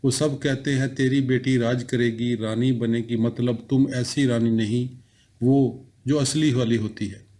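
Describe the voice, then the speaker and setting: A man's voice: medium pitch, steady tone, unhurried, mellow, lightly acted. A man reading a novel aloud, voicing an eager, proud village father in an earnest manner.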